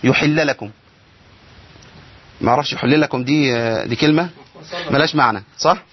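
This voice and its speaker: An Egyptian Arabic-accented man with a husky, mid-range voice explains Quran recitation rules rapidly. He repeatedly questions his students, then answers for them, and the recording sounds slightly dull and lo-fi.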